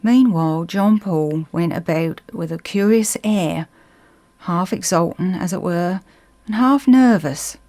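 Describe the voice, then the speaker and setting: A woman narrates a ghost story in a Suffolk accent. Her voice sits a little low, and she reads the scripted tale in a measured storyteller's way. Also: mellow.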